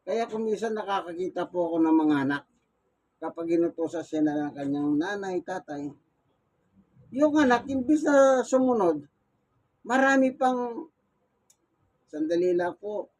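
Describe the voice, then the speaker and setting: High-voiced man preaching a folksy sermon. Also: normal speed, pauses often, darkish tone, rough recording. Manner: folksy, acts out everyday dialogue while preaching. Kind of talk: Gospel sermon.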